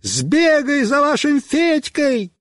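Reader does a scared young boy figure, high, yelling desperately. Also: wildly swooping pitch, slow, no echo, studio quality, exaggerated voice. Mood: panicked shouting. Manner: shouting, pleading. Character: panicky young boy stuck on a runaway ride.

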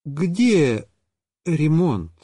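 A man voicing a patient, reasonable mother who speaks quietly and evenly. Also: high-pitched, wildly swooping pitch, measured pace, husky, dry recording, studio quality, heavily acted. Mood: calm. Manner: soft, quiet, level-headed.

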